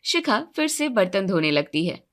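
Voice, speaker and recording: A woman's voice: medium pitch, very animated, normal speed, fairly bright tone. A woman narrating a storybook cartoon in a plain, matter-of-fact way.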